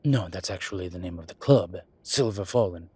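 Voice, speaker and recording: A deep, mellow, husky voice carries this intimate audio roleplay, where a man portrays a suave, wry incubus demon professor. He pauses hesitantly while explaining in a measured manner, and there is no room sound.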